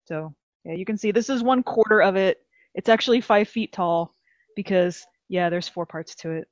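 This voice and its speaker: A woman from Texas hosting a casual podcast, chatty and animated, laughing often. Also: mid-range voice, moderate pace, dry recording, dull audio. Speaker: podcast host.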